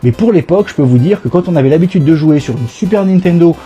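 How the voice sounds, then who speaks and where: A man's voice: a little high, animated, quick pace, mellow, dull audio, soft background music. A middle-aged man with a stuffy cold hosting a casual live gaming stream, chatty, playful and nostalgic. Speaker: host.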